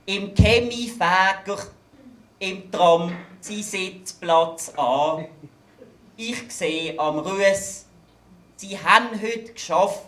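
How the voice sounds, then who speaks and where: High-voiced Basel man singing satirical rhymes. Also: fairly bright tone. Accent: Basel Swiss German. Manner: wry punchline delivery. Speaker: carnival satirical singer. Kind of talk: rhymed satirical verse performance. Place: event stage in a hangar. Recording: roomy hall echo.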